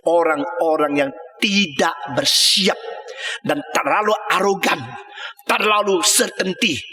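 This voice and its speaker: An older man preaching a sermon with passion, shifting between loud exclamations and low murmurs. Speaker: pastor. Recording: echoey hall reverb.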